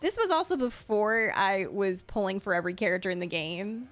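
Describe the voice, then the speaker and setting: With a mid-range, expressive and slightly bright voice, a woman talks a little fast while ranking game trailers. She's a video creator and streamer giving casual, rambling reaction commentary full of gushing asides, faint music in the background.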